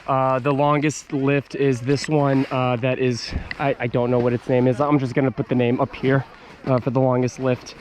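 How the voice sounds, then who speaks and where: A man's voice: mid-range voice, little pitch movement, normal speed, darkish tone, slight background noise. An American man chatting casually to camera as a snowboarding vlogger, with slangy frat-bro talk that hypes up his buddy. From United States, Northern Virginia. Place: mostly outdoors on a rainy ski slope.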